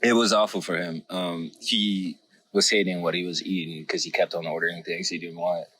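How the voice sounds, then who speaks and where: A man's voice: sits low, fairly even intonation, normal speed, fairly bright tone, slight background noise. A French-born man, French as his first language, chatting casually as a guest comedian in a laid-back, giggly way and swearing freely. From France. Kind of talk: casual podcast chat.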